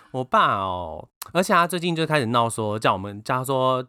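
A man with a Taiwanese Mandarin accent, co-hosting a casual podcast chat and telling a family story with animated bursts of laughter. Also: medium pitch, normal speed, clear, resonant tone, no echo, clean studio sound. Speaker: podcast co-host.

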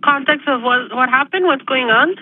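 A woman dispatcher from a sheriff's office speaking over the phone, calmly and persistently asking questions. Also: high voice, moderate pace, slightly rough, no room sound. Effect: heard over a phone line. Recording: tinny phone line with faint noise.

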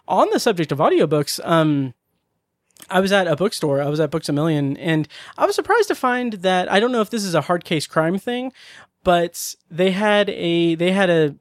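Chatty, higher-voiced male podcaster. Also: dry recording, studio quality. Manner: chatty, swears casually, lots of fillers. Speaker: podcast co-host. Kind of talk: casual chat.

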